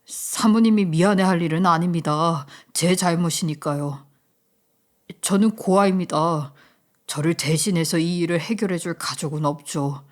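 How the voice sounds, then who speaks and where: A woman voicing a young orphaned male parking attendant, humble and restrained, speaking lower and quieter than her narration. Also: expressive, measured pace. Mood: calm, resigned. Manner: lowered, quiet, subdued delivery.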